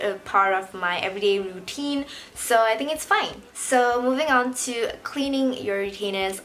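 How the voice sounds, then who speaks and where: A woman's voice: mid-range voice, a bit bright. A young adult woman talking casually as a vlogger, sharing personal experience in an informal way. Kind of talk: casual chat to camera.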